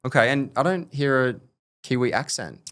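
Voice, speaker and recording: A man's voice: mid-range voice, expressive, normal speed, fairly bright tone. A man, hosting an interview in an upbeat, chatty way with rambling asides. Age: 20s. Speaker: host.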